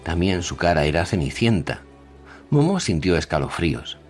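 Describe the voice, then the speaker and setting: A man reading a story aloud in an expressive narrating style. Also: sits low, normal speed, faint music behind.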